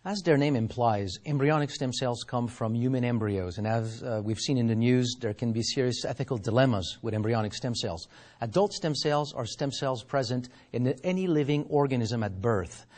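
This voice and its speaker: Male science officer, medium pitch, formal and explanatory, answering as an interview guest. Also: moderate pace, a little mellow.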